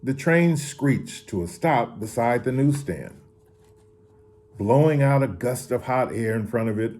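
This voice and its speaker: Warm, expressive man reading a children's story. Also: medium pitch, a little slow, slight background noise. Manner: expressive reading with occasional restarts. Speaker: story reader. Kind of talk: children's story read-aloud.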